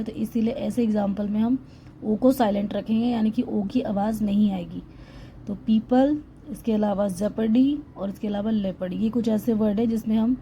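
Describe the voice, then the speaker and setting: A woman's voice: fairly high pitch, mellow, highs cut off, slight background noise. A woman teaching English pronunciation in a lesson voice-over, spelling words letter by letter and then sounding them out.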